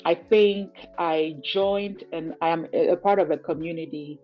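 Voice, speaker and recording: Speaking over a call in a conversational interview, a woman from Cameroon gives a client testimonial as a guest. Her voice is notably low and steady, a little slow, earnest and reflective, and she often leans on "you know" while explaining. The audio is dull and lo-fi, with faint music beneath it.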